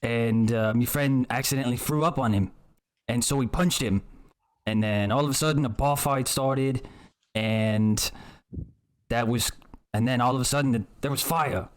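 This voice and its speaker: A man voicing Cosmo, a charismatic young man who rambles in rough, broken grammar. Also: medium pitch, moderate pace, natural voice. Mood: explaining. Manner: rambling, hesitant, ungrammatical.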